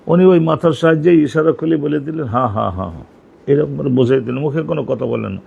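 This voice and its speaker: A man's voice: fairly high pitch, fairly even intonation, fast talker, creaky, breathy edge, narrow, tinny audio. A man teaching an online hadith class, reading Arabic lines aloud and then explaining each phrase at length in Bengali. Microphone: online class stream.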